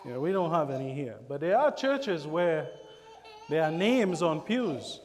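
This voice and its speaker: In a church sanctuary, a Trinidadian man delivers a sermon in a voice that sits high for a man. He is animated and unhurried, slipping into the voices of congregation members he quotes. The hall gives the sound a long echo, and there is some background noise.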